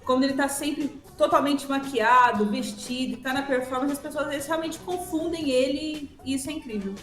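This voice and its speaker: A woman with a high, bright-toned voice interprets live, relaying questions in English and summarizing answers in quick Portuguese. Her voice rings in a roomy space, and music plays softly behind her.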